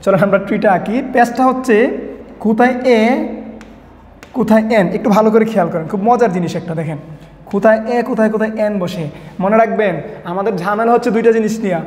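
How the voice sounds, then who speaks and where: A man's voice: high voice, quick pace, darkish tone. A man, teaching an English grammar lesson and quizzing his listeners with repeated questions. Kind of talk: classroom lesson. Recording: echoey room with long reverb.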